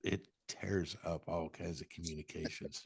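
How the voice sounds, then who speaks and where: A man co-hosting a podcast in casual chat, talking haltingly with many restarts. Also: sits low, steady tone, vocal fry, slightly rough, dry recording, studio quality. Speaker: podcast co-host.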